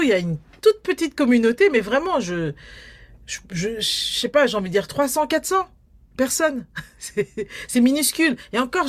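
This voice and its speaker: A woman documentary filmmaker from Guadeloupe, speaking in an interview and acting out the inner thoughts she quotes. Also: mid-range voice. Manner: animated storyteller, acts out quoted inner thoughts. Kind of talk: interview conversation.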